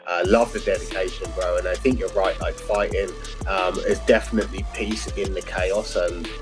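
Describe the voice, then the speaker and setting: A man's voice: low voice, fairly even intonation, normal speed, over music. A man hosting a podcast in a laid-back way, calling his guest bro and man and hyping him up. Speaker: podcast host. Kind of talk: casual podcast interview.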